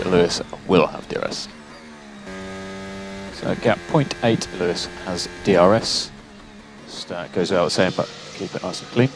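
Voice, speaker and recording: A man working as a race engineer, giving clipped, calm, terse pit radio calls over a team radio link. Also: lowish voice. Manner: clipped, calm, procedural instructions. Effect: team radio transmission. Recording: noisy radio link with vehicle hum.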